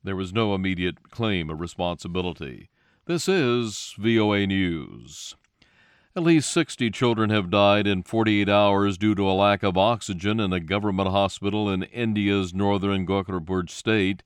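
A man's voice: on the low side, moderate pace, clear, resonant tone, dry recording, clean studio sound. A man reading scripted radio news as the anchor.

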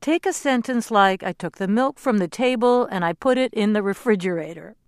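A woman co-hosting an educational radio program, with a mid-range voice. She reads her lines and asks her questions in an even, clear announcer manner. The recording is dry and close. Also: mid-range voice, brisk, dry recording. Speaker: radio co-host. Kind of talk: scripted radio narration and interview questions.

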